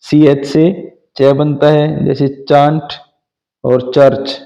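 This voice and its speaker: Man, phonics teacher, spells letter by letter, flat even delivery, dull lo-fi recording. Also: a little high, vocal fry. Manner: slow, patient, spells words letter by letter. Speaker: English teacher. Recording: dull lo-fi sound.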